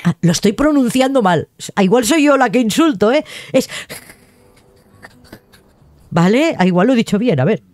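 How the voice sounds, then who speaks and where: A woman's voice: a little high, lively intonation, moderate pace, pauses often, darkish tone, no echo. Giggly spanish woman gamer chatting through her let's play, voice bounces up and down, dry close mic. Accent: Spain. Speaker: gaming youtuber.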